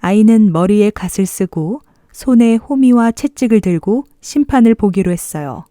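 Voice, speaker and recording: A woman narrating a bedtime fairy tale, gently and expressively, as if reading to a toddler. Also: mid-range voice, expressive, normal speed, no echo, clean studio sound. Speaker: storybook narrator.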